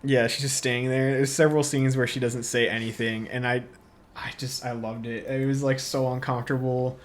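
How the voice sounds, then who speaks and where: A man co-hosting a podcast, chatting casually about movies, relaxed and quick to laugh. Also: medium pitch, a little hiss or hum. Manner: relaxed, laughs often, lots of fillers. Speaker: podcast co-host. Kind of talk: casual movie review chat.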